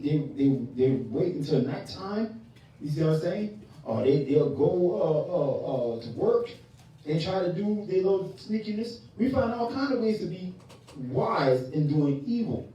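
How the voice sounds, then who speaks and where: A man teaching scripture in a call-and-response style, pressing the class with questions and repeating key words. His voice is mellow and somewhat high, and it sounds distant in a very echoey hall. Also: big pitch swings, moderate pace, muffled recording. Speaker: teacher leading Bible class. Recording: echoey room from far off.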